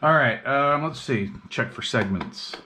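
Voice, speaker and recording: With music in the background, a medium-pitched man speaks in an animated way at a measured pace. He's a hobbyist demonstrating radio repair at an indoor workbench, muttering casually in slang, and the recording is clearly noisy with clicks.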